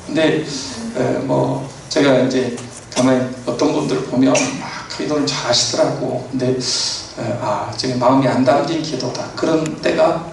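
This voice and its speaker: A man's voice: medium pitch, steady tone, measured pace, vocal fry, noisy background. A man preaching a sermon as pastor in a church, in a conversational way with many fillers and affirmations. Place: church sanctuary. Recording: echoey church hall from far off.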